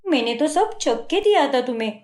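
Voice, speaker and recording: A woman's voice: sits high, lively intonation, a little fast, a little mellow, echoey room. A young woman voicing a patient, hurt but dutiful wife in a cartoon, pleading and defensive. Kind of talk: Hindi cartoon dubbing.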